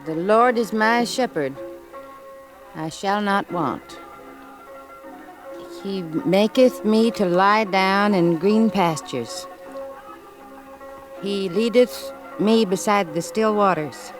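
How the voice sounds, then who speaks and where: An actress playing a gentle, plain-spoken frontier saloon girl in an old-time radio drama, earnest and simple. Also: mid-range voice, slow, pauses often, close to an everyday voice, rough recording. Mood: hushed, reverent. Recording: old radio recording with music behind.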